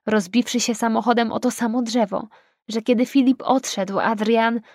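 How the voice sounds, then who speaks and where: Kobieta czytająca kwestie młodej przyjaciółki, mówi cicho, powoli i łagodnie, niemal szeptem. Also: female voice, fairly high pitch, fairly even intonation, no room sound, clean studio sound. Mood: smutna, kojąca. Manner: soft, hushed, slow speech. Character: gentle, worried young woman friend.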